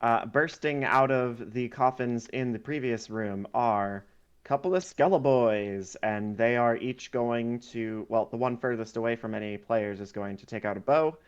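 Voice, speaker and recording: A man's voice: mid-range voice, normal speed, smooth, muffled recording. A man narrating as game master of a tabletop game, describing scenes unhurriedly with frequent fillers.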